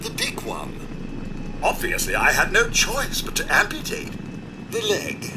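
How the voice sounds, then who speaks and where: A man voicing a pompous, cheerfully ghoulish male robot doctor in a game, with a smooth synthetic robot sound and a self-satisfied, chirpy manner. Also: sits high, huge pitch swings, a little slow, background noise, exaggerated voice. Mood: smug. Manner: chirpy, self-satisfied, exaggerated rises and drops. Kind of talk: video game character dialogue.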